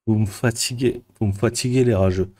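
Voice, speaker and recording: Low-voiced man ranting crudely. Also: fairly even intonation, fairly quick, mellow. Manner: crude, exasperated, full of fillers like "tu vois". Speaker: YouTuber and business coach. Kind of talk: casual ranting vlog to camera.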